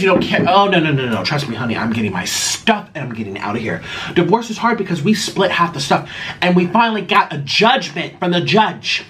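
High, whiny bickering man over dishes. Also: fairly bright tone. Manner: shushing, whiny, defensive. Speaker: vlog host. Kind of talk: casual bickering mukbang vlog. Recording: noisy with dish and cutlery clatter.

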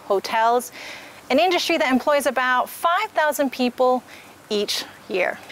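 A woman's voice: fairly high pitch, a little hiss or hum. A woman in her thirties with a Samoan accent, presenting a food show as its host. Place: outdoors in a hotel garden and open pavilion.

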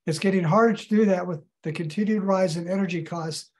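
An older man from Colorado reads a prepared public comment at a hearing. His voice sits fairly high, and his delivery is measured and earnest. He speaks over a video call. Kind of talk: reading a prepared statement.

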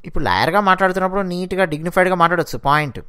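A man's voice: high-pitched, rapid-fire, bright, forceful tone, clean tone. A man recapping a reality show in casual commentary, opinionated and speaking straight to his viewers. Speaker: show reviewer.

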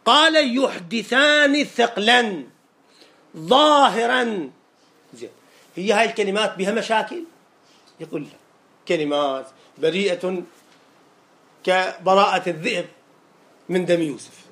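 A man with an Iraqi Arabic accent, a sheikh giving a classroom lecture on rhetoric. He explains by asking and answering his own questions and reads quoted lines slowly and deliberately. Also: high-pitched, animated, fairly bright tone.

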